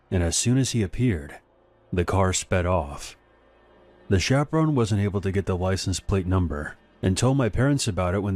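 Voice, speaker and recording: A man reading first-person horror stories as scripted narration, in a measured, even manner. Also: sits low.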